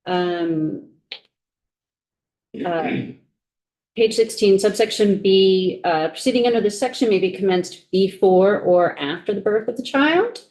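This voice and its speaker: A woman serving as legal counsel at a committee hearing, going through a bill section by section in a halting way, thinking aloud. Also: medium pitch, a little mellow, low-quality recording. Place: legislative committee room.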